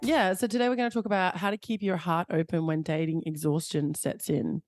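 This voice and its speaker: A woman's voice: lowish voice, steady tone, a little fast, music in the background. A woman hosting a podcast interview in an earnest, conversational way, with hesitant fillers. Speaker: podcast host.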